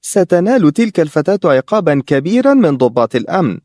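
A curious young heroine, her voice raised and quick to react, as a male narrator puts her on. The reading is dry and close to the mic, with no room around it. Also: fairly high pitch, very animated, warm tone, no echo, pitched above the performer's own voice. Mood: eager.

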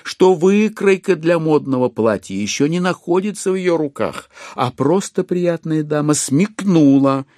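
In an audio drama, an actor plays the wry narrator of a classic novel, relishing the irony and shaping each phrase deliberately and expressively. His male voice sits a little high, and the studio-quality recording has no room sound.

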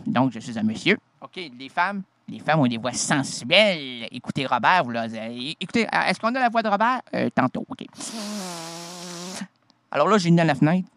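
A man's voice: fairly high pitch, very animated, moderate pace, fairly bright tone, no echo. A man hosting a radio show, joking and rambling in a playful, goofy way with a nasal voice. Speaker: radio host. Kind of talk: comic radio banter.

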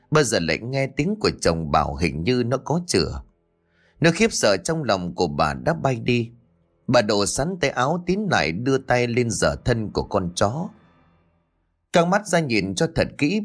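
A man tells a ghost story in a measured, dramatic way, his pitch moving up and down with a lot of life. He sits at a middle pitch for a man. Quiet music plays faintly underneath. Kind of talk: scripted narration of a ghost story.

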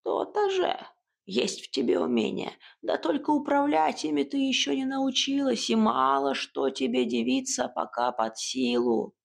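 A woman voicing a stern, dying old witch with a hoarse, mumbling voice, speaking slowly and heavily. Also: sits high, expressive, pitched above the performer's own voice, exaggerated voice. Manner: slow, heavy and commanding.

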